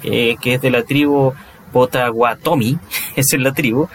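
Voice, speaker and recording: A man co-hosts a casual podcast chat about western films. He talks in a relaxed, easygoing way, pausing on fillers as he gathers his thoughts, over faint ambient noise. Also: medium pitch. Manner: easygoing, hesitant with many fillers. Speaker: podcast co-host.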